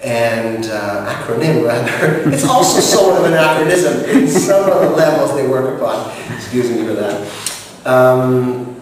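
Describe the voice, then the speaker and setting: Answering interview questions as a director of operations, a native French speaker from Montreal, Canada, sounds formal and measured but hesitates frequently. His mid-range voice is expressive, with a crowd audible in the background. The mic is far away and the room is very echoey, with long reverb.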